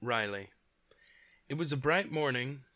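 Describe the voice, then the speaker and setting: A man reading an audiobook in a steady storytelling manner, on a dull, dry, lo-fi recording. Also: mid-range voice, measured pace, dry recording. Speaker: audiobook narrator. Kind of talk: scripted audiobook narration.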